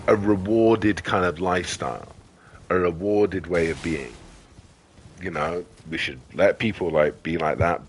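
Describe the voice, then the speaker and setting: A man's voice: low voice, low-quality recording. A tired man ranting in casual commentary over gameplay, rambling and swearing heavily with lots of fillers. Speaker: gaming video creator.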